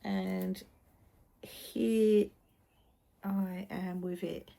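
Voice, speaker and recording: Slow-paced British woman chatting casually. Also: medium pitch, steady tone, gravelly, mellow. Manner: chatty, repeats phrases for emphasis. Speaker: host of a needlework vlog. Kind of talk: casual chat.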